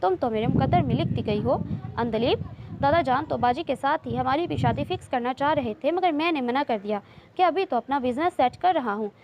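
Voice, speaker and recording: A woman's voice: high voice, animated, brisk, dull audio, slight background noise. A woman reading a teasing, loving young man. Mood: teasing, tender. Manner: playful, coaxing, insistent. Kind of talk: romance novel reading.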